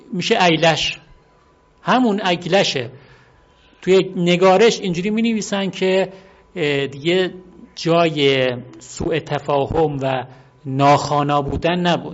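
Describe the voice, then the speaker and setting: A man giving an unhurried, explanatory talk on word origins, often pausing to repeat and spell out words. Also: fairly high pitch. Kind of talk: explanatory monologue. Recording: dull lo-fi recording.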